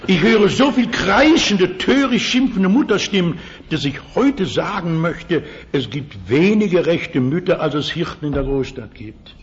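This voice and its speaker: An older man preaching an Easter sermon to a congregation, earnest, asking the listeners questions and slowing down for scripture. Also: high-pitched, animated, slight background noise. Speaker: pastor. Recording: dull lo-fi old sermon recording.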